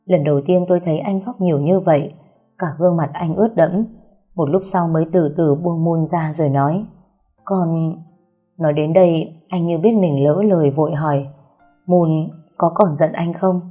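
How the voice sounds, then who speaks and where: A woman narrating a first-person romance story in a soft, measured reading. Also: sits low, husky. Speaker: audiobook narrator. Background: faint background music.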